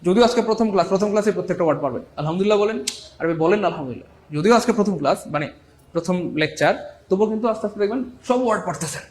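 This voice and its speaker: A man's voice: sits high, lively intonation, rapid-fire. A man teaching English grammar in a live online class, drilling rules by repetition and teasing his students.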